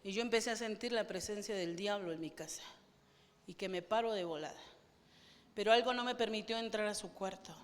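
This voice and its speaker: A woman's voice: medium pitch, fairly quick. A woman pastor preaching a fervent sermon and asking the congregation questions. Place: church. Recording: long reverb of a church hall.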